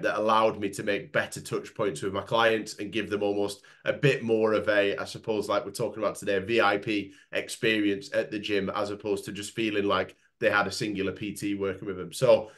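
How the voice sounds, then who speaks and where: A man in his late twenties speaks in a lowish voice that sounds stuffy and nasal from a cold. He talks at length in a webinar, rambling with plenty of fillers and restarts. The voice comes through a video call. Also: a bit bright. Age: late 20s. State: nasal, congested from illness. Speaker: nutritionist guest. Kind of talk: webinar talk.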